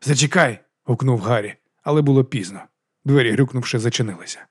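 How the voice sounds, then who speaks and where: A man reading a novel aloud as an audiobook narrator, in brisk, even storytelling. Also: mid-range voice, breathy edge, no room sound, studio quality.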